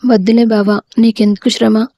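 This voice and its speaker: A woman's voice: a little high, flat delivery, moderate pace, warm tone, no echo. A woman voicing a hurt young wife. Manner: tearful, reproachful.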